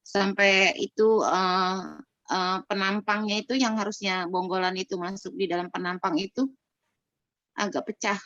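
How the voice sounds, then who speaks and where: A woman's voice: medium pitch, little pitch movement, normal speed, a bit bright, no room sound. A middle-aged woman on a video call, candidly telling a personal story in an earnest, conversational way, often restarting her sentences. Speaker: participant sharing a personal story. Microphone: video call microphone. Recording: dull lo-fi video call audio.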